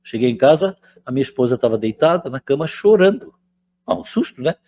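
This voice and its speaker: A man's voice: mid-range voice, lively intonation, fairly quick, warm tone, highs cut off, slight background noise. An older man, giving a conversational spiritual lecture and often checking in with his listeners. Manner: chatty, keeps checking in with the audience.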